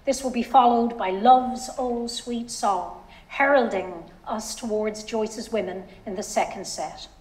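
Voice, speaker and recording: A woman acting as master of ceremonies, introducing an event programme in a clear, announcing manner. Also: fairly high pitch, unhurried, few pauses, roomy sound, rough recording.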